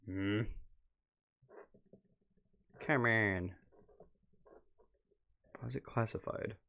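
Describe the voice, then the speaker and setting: In a very slow, gravelly and fairly low voice, a man hosts a casual livestream from his computer indoors, reading posts aloud. He chats as if to viewers and to himself, dropping muttered asides as he goes. The recording is muffled, with background noise.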